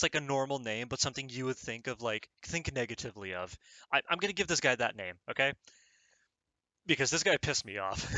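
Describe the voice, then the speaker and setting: Lively, bright-voiced man musing while gaming. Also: mid-range voice, no echo, poor audio. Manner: earnest, meandering musing with many restarts. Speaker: gaming channel host. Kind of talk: casual let's-play commentary. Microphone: cheap microphone.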